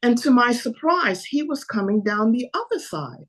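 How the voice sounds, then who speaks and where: A woman in her seventies tells a story as an interview guest, with a voice a little above most women's. She is lively and acts out each line of dialogue. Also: a little high, normal speed. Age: 70s. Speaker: podcast guest.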